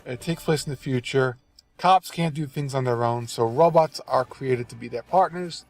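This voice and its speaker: Faint music sits beneath a mid-range male voice at normal speed. The speaker, a gaming video host stuffed up and nasal from a cold, drives while giving rambling, apologetic, casual commentary over gameplay.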